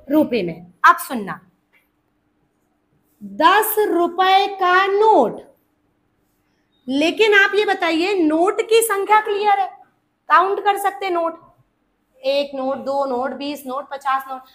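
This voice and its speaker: A woman teaches an English grammar class in a very high voice. She speaks slowly and deliberately, going over each point again and again. She keeps asking her students questions and calls them child. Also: animated, fairly bright tone.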